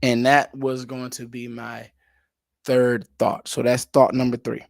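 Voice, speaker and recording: A man hosts his own football show, talking through game film with casual animation. His voice has a gravelly, fried texture. The sound is dry and close, with no room behind it. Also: medium pitch, measured pace, dry recording. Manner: animated, drops to a whisper at times. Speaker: sports podcast host.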